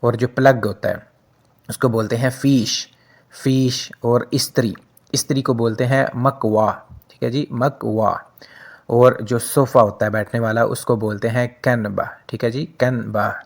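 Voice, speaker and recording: A man's voice: mid-range voice, steady tone, creaky. Man teaching words, repeating each twice. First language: Urdu. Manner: repeats each word slowly, adds "theek hai ji". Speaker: language teacher. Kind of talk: casual vocabulary lesson.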